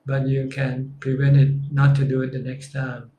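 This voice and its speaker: A man, a Buddhist monk teacher answering questions in a live session in a calm, simple, plain-spoken way. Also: mid-range voice, moderate pace. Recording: echoey room.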